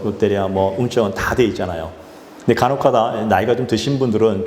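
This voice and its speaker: Korean pastor preaching in an echoey hall. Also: male voice, lowish voice, darkish tone. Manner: storytelling with many fillers and restarts. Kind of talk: sermon. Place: church sanctuary. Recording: echoey church hall with faint noise.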